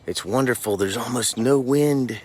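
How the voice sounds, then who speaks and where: A man's voice: medium pitch, normal speed, slight background noise. A man hosting a casual morning beach report outdoors, chatting politely and encouragingly. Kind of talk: casual vlog narration and chat.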